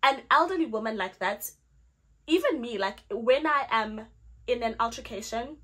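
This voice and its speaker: A young South African woman who speaks Zulu tells a storytime vlog story, animatedly acting out her own lines as she goes. Her voice sits on the high side and moves at a normal speed.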